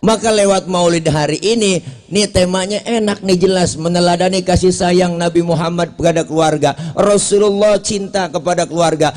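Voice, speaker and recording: A man with a fairly high voice delivers a humorous sermon to a gathered congregation. He tells the story in a lively way and drops into a low, confiding tone for his asides and punchlines. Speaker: preacher. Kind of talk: comic sermon.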